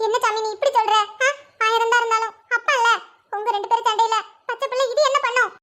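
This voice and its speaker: A fussing old grandmother in a cartoon, squeaky-high and sharp-edged. She rattles on quickly, coaxing and gently scolding the family in homely tones. The voice is strikingly shrill for an elder. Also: fairly even intonation. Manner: pleading, chiding, rural Tamil grandmotherly speech. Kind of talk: animated cartoon voice acting.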